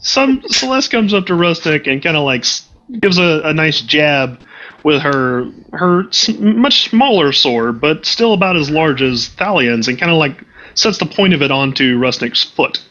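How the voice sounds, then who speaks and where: A man narrating as game master for a tabletop role-playing game, animated and often laughing as he switches into character voices. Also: a little high, a little slow, lo-fi sound.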